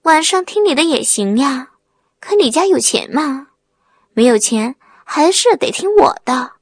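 A woman's voice: sits high, big pitch swings, a little slow, no room sound, exaggerated voice. A woman voicing a domineering young bride who talks down with scorn and shrieks in anger. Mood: scornful.

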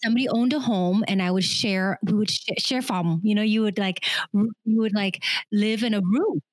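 A middle-aged woman from Vietnam, co-hosting a podcast, telling a personal story in an animated way with quick asides. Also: medium pitch, no room sound. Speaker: podcast co-host. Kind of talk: casual conversation.

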